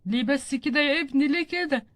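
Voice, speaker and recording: A woman with an Egyptian Arabic accent voicing a kindly older grandfather who calms and gently chides. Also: high voice, quick pace, dry recording. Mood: reassuring. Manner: calming and gently chiding.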